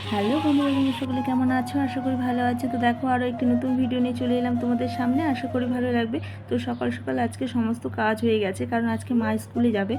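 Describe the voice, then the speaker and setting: Woman vlogger in her thirties from Bengal, fast-talking, casual narration over music. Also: a little high, low-quality recording. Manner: chatty, narrating her chores as she goes. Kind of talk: casual home vlog narration.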